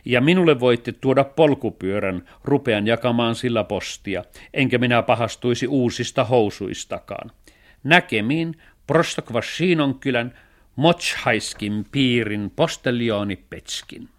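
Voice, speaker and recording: A man's voice: medium pitch, expressive, natural voice. A man voicing a nosy, fussy village postman in a radio storybook reading, pedantic and officious. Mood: chatty.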